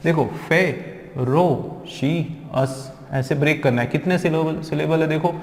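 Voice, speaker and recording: A man teaching English pronunciation in a classroom lecture, drilling words slowly and repeating them aloud. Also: a little high. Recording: echoey classroom with long reverb.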